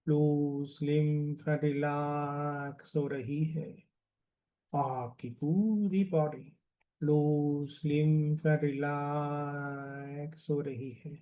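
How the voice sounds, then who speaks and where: Guiding a relaxation session as a meditation coach, a man speaks in a soothing, deliberate way, repeating phrases and letting them trail off. His voice sits on the high side and sounds mellow.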